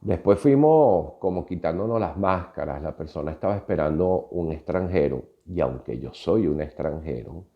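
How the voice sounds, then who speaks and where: A man's voice: low-pitched, expressive, normal speed, hardly any pauses, phone-quality sound. A Venezuelan man in his fifties with a Venezuelan Spanish accent, telling a personal story in a reflective podcast monologue with frequent hesitations. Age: 50s. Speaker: podcast host.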